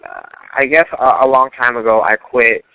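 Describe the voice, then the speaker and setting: A man's voice: mid-range voice, moderate pace, bright, forceful tone, slight background noise, low-quality recording. A man being interviewed as a fighter, earnest, filling his talk with "you know" and restarts. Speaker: fighter guest. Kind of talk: casual interview.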